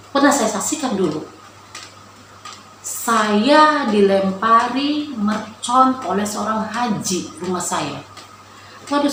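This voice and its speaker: A woman's voice: a little high, fairly bright tone. A woman giving a personal faith testimony, telling her story in an earnest and emotional way. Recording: very echoey room with background noise.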